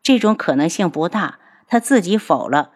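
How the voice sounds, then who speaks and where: A woman's voice: on the low side, moderate pace. Woman narrating a novel audiobook. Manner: expressive, acts out characters.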